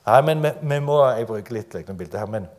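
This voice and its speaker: A man's voice: on the low side, lively intonation, darkish tone. A man giving an informal, conversational sermon to a gathered church congregation, mixing personal stories with light humor. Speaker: preacher. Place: church gathering before a live audience.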